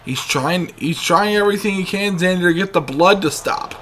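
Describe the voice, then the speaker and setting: Bright, higher-voiced male wrestling commentator. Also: normal speed, a little hiss or hum. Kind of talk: wrestling commentary of a video game match.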